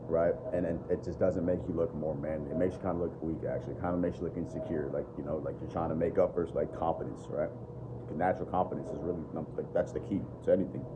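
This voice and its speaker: Filming himself on a phone at arm's length in his home living room, a young adult dating and self-improvement vlogger speaks unscripted and casual to the camera. His deep-voiced delivery is blunt and profane, and he keeps coming back to "bro" and "bottom line." The sound is dull and the background noisy.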